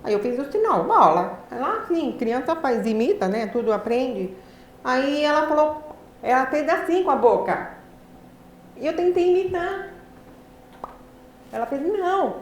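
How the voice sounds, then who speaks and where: A woman with a Brazilian Portuguese accent telling a personal story in a lecture, articulating words deliberately and with effort, in a lively, animated way. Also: sits high. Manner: deliberate, effortful articulation of a speaker who learned speech late. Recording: very echoey hall, faint background noise.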